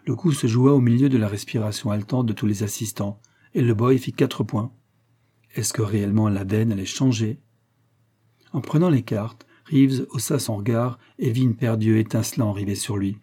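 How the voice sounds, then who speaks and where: Mellow, husky-voiced male narrator. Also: lowish voice, normal speed. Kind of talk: audiobook narration.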